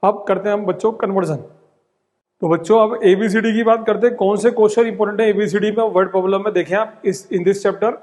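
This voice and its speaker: Brisk high-voiced man teaching. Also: steady tone, a little mellow, in a large hall. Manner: rapid, drilling, repeats "ठीक" and "बहुत simple". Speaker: chemistry teacher. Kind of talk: exam-prep lecture.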